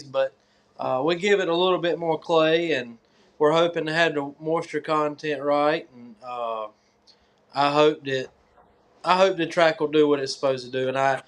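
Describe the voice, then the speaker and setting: A man from North Carolina with a Southern US accent, answering interview questions casually and haltingly as a competitor. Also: on the high side. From North Carolina, USA. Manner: hesitant, halting. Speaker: tractor pull competitor and track organizer.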